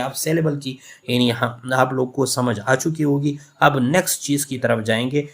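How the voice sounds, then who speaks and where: Patient male lecturer, steady voice. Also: mid-range voice, gravelly. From Pakistan. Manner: explains patiently, restating points and repeating example words. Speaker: English literature professor. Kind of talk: recorded lecture.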